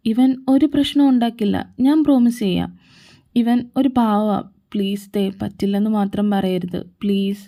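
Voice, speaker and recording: A woman voicing a patient young man who reasons gently with his friend in a fan audio drama. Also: medium pitch, natural voice.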